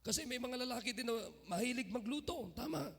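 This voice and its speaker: A man preaching a sermon in a church with a high, gravelly voice. He is lively and calls out to the congregation by name. He mixes English phrases into his talk. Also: brisk. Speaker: pastor.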